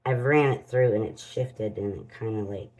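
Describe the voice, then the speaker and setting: A woman's voice: extremely low pitch, moderate pace, a little mellow, low-quality recording. A woman hosts a casual crafting vlog, muttering to herself as she works in homespun phrasing. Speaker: crafting channel host. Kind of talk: casual unboxing and demo vlog.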